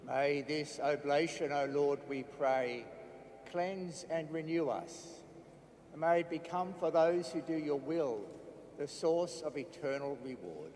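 A priest reciting the prayers of the Mass in a measured, solemn intoning voice, with cathedral echo. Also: male voice, on the high side, a little mellow. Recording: echoey church with long reverb, faint background noise.

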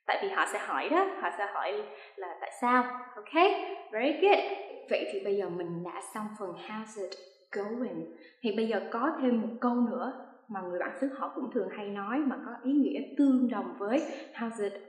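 A woman teaching a language lesson, drilling short phrases slowly and asking learners to repeat after her. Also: mid-range voice, lively intonation. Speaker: English teacher. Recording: echoey room with long reverb.

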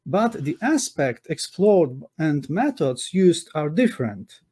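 A man whose first language is Polish delivers an academic conference talk over a webcam call. His voice sits a little high yet sounds mellow and dark, and he moves in a measured way, often pausing on "uh" and correcting his own words. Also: big pitch swings, breathy edge. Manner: measured, with frequent "uh" pauses and self-corrections. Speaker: conference speaker. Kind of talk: academic lecture over slides. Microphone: webcam on a video call.

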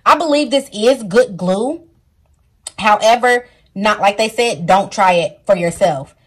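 A woman's voice: mid-range voice, lively intonation, a little slow. A woman vlogging at home at night, sore and near tears, talking straight to her viewers in distress. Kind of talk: casual vlog talk to camera.

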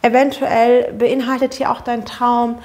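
A woman's voice: on the high side, little pitch movement, unhurried, a little mellow. A woman giving a spontaneous tarot reading, speaking earnestly and directly to the viewer with many fillers and restarts. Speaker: tarot reader.

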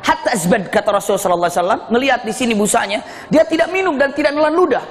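Male preacher, high voice, animated storyteller who acts out quoted voices, reverberant hall, faint noise. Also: very fast. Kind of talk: sermon.

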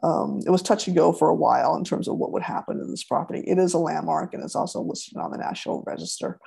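A woman's voice: low voice, quick pace, vocal fry, mellow, slightly rough. A woman giving a webinar presentation over a video call, hesitant, with many fillers and restarts.

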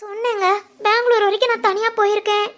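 A woman voicing a timid young wife in an animated family drama, anxious and pleading. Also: very high voice, fast.

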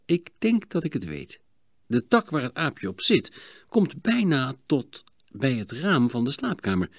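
A man reading an audiobook voices a patient, clever doctor in a raised, instructive tone with a lively voice. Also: mid-range voice, measured pace, no room sound, clean studio sound. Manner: calm, instructive, raised and bright.

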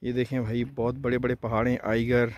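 With a mid-range, level voice that runs a little fast, this man narrates his travel vlog casually, showing viewers views from a mountain and then a hilltop restaurant. He's short of breath while hiking.

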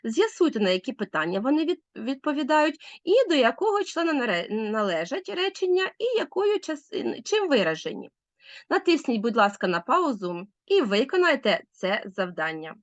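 A woman's voice: high voice, very animated, moderate pace, dry recording, lo-fi sound. A woman teacher giving a recorded grammar lesson, asking leading questions and answering them herself.

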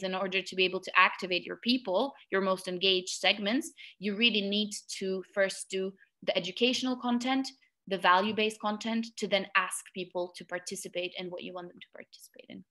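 A young woman presents a webinar over slides on a video call, speaking casually with fillers and restarts through her webcam. Her voice is mid-range and a bit bright.

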